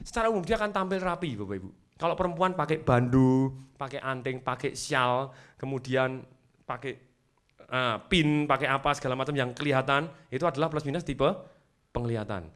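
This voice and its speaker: A man giving a seminar talk to an audience, animated and acting out angry customers with loud outbursts. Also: medium pitch, a little fast. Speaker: motivational speaker.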